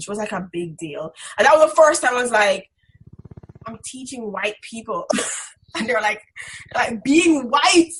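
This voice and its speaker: A young woman, a graduate student instructor from the Caribbean islands, gives a candid, reflective interview with strident emphasis. Her voice sits on the high side and is a bit bright. Audio quality is poor, with clicks and background noise.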